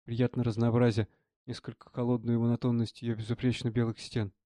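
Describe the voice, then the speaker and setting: A man narrating a literary audiobook in a calm, measured way. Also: medium pitch, no room sound.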